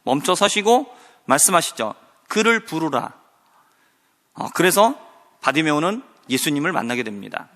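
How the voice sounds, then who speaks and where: A man's voice: a little high, sing-song, fairly bright tone. A male pastor preaching a sermon, explaining a scripture story and asking rhetorical questions. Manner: slows and lifts his voice to voice the quoted cries. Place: church sanctuary. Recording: hall reverb of a church service broadcast.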